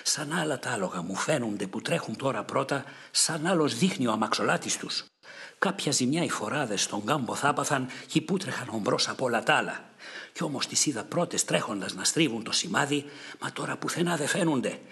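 A man's voice: mid-range voice, expressive, a bit bright, voice pushed up. A man voicing an older king who calls out earnestly to fellow lords in an epic poem reading.

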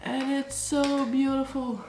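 A young woman from Germany with a congested, allergy-blocked nose casually tastes snacks for her vlog, rambling with lots of "like" and "um." Her voice is high-pitched yet darkish, level in tone and slow. The rough recording, made by a close front camera in a small cottage room, sounds roomy with slight background noise.

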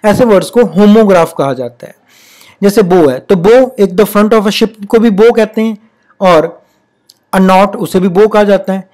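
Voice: medium pitch, a little mellow. Patient teacher. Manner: reads English rules out slowly and deliberately, then explains in Hindi; repeats example words in pairs, patient explaining tone. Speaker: English spelling teacher. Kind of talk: recorded classroom-style lesson.

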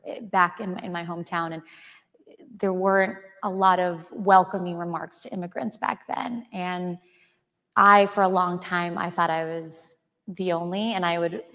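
Interviewed on an auditorium stage before an audience, this author guest, a woman in her thirties from Chile, talks earnestly at a moderate pace. Her fairly low voice is a bit bright with fairly even intonation, and long reverb fills the hall.

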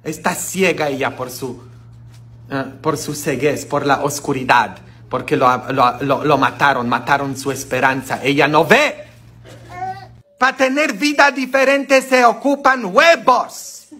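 A man's voice: fairly high pitch, fairly even intonation, unhurried, pushed and bright, husky. A male priest giving a playful, teasing sermon, laughing often and asking the audience questions. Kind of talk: joking sermon to a congregation.

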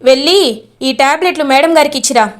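A calm, caring young man in a family drama, voiced by a woman narrator. He speaks plainly and reassuringly in a high voice. Steady and kind. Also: a little fast.

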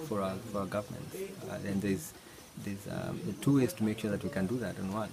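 An older man, a research institute director, giving a measured interview answer outdoors in a banana field with many fillers. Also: low voice, fairly even intonation, creaky, crowd noise. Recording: loud outdoor noise with insects and vehicles.

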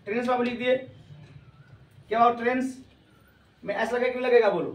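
High-voiced man teaching grammar in a classroom. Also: fairly even intonation, a little fast. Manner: calls students "babu", quizzes them loudly. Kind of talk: classroom lecture. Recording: echoey classroom from far off.

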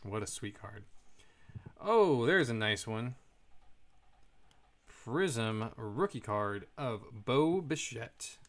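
Male host, mid pitch, casual card-break commentary, reads names and answers chat. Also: animated, drawn-out words, pauses often, fairly bright tone.

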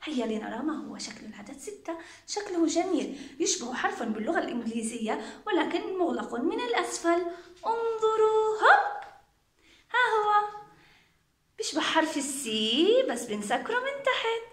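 A woman's voice: very high-pitched, sing-song, a little fast. A young woman teaching young children to count, in a sing-song, coaxing way. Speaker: kindergarten teacher. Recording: roomy echo.

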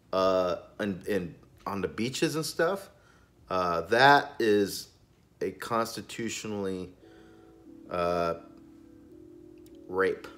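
A deep-voiced, slightly bright-sounding cigar review host rants indignantly on camera in an opinionated casual vlog. He's emphatic and gestures broadly with his hands, speaking from a small indoor storage room stacked with boxes.

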